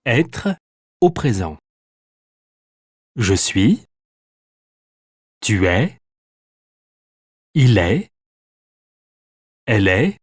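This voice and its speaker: A woman reading grammar drills for a language textbook, in slow, clearly spaced phrases. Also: a bass voice, very animated, no room sound, clean studio sound, soft background music. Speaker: textbook audio narrator.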